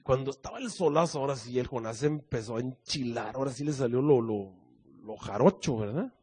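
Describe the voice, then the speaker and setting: A man with a Mexican accent preaching a sermon, telling the story in an animated, colloquial way full of slangy asides. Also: medium pitch, fairly quick, husky.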